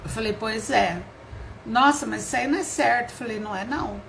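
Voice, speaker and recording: A woman's voice: fairly high pitch, brisk, vocal fry, slight background noise. A middle-aged woman with a Brazilian Portuguese accent preaching an informal sermon, chatty and storytelling, acting out quoted voices and laughing often.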